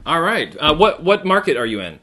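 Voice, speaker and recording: A man hosting a live web show, talking in an upbeat, chatty way and working through promotions and a contest. His voice sits a little higher than most men's, and he leans on fillers as he goes. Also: fairly quick. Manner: energetic, chatty, frequent fillers. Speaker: host.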